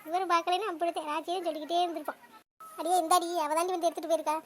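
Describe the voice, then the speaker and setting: Woman doing a shrill nagging mother-in-law. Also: flat delivery, a little hiss or hum. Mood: furious. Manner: scolding, rapid-fire nagging. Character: bossy scolding older mother-in-law. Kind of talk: comedy cartoon voice acting.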